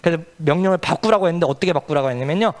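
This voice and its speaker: A man's voice: a little high, very fast. A man telling a Bible story at a children's church service, quizzing the kids with questions. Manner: asks the children questions, lively and playful.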